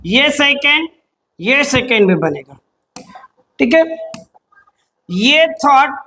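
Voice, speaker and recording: A man's voice: extremely high pitch, sing-song, slow pace, bright, forceful tone. A man teaching an English grammar lesson. He asks questions, answers them himself, and repeats key words and patterns as drills. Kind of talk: explanatory online lesson.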